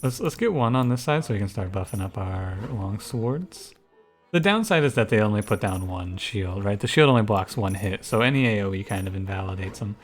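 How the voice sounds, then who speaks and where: A gaming YouTuber and streamer offers casual commentary on a strategy game in a soft, soothing voice, talking a little fast. Low-key and musing, he thinks aloud and often restarts, with faint music behind.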